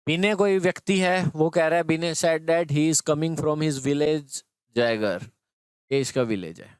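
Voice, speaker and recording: Male teacher, clear voice, dry sound. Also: a little high, slow pace, a little mellow, no echo. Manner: explains step by step, often checks in with students. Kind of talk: exam prep grammar lesson.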